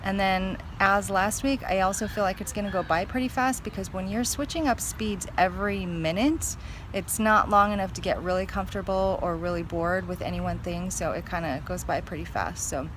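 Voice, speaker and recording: A woman's voice: mid-range voice, normal speed, fairly bright tone. A woman giving a casual fitness vlog, talking straight to her viewers in an emphatic, step-by-step way. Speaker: fitness vlogger. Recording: noisy, constant vehicle-like background hum.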